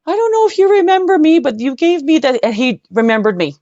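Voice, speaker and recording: A female rock singer, interviewed as a guest, rattles off casual anecdotes in a high, dark-toned voice that is fast and very animated. She is effusive and emphatic, repeating herself for stress. The lo-fi audio is dull and carries a roomy echo.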